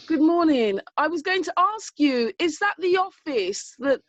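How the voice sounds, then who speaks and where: A woman's voice: high-pitched, big pitch swings, unhurried, no echo. A woman co-hosting a casual video-call chat, effusive and chatty. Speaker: co-host. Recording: dull, dry video-call audio.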